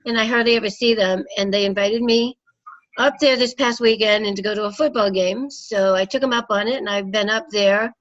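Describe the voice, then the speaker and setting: A woman's voice: medium pitch, fairly even intonation, brisk. A middle-aged woman leading a team meeting over a video call, congested from a cold and rambling with many fillers. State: congested, sick. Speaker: team leader. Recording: dull lo-fi call audio with faint noise.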